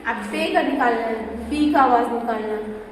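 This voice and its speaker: A woman's voice: fairly high pitch, normal speed, slight background noise. A woman teaching an Urdu class in a school classroom, mixing Hindi and English and often checking that students understood. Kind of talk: classroom lesson. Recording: distant voice in echoey hall.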